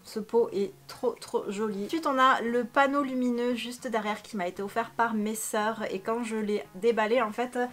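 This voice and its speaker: A woman's voice: fairly high pitch, steady tone, moderate pace, hardly any pauses, fairly bright tone. Chatty young woman, bubbly and self-mocking. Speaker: vlogger. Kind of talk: casual chat. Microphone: studio microphone.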